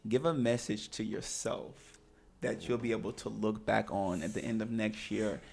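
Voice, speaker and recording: A man's voice: on the low side, normal speed, creaky, a little mellow, breathy edge. A man co-hosting a podcast in casual chat, talking in an earnest, encouraging way. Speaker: podcast co-host.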